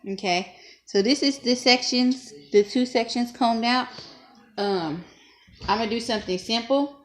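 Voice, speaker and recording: A young woman chats her way through a hair-braiding tutorial at home, teasing herself and laughing often at a measured pace. She's filmed on a camera propped low in front of her in a small, dim room, and the audio is echoey with faint noise.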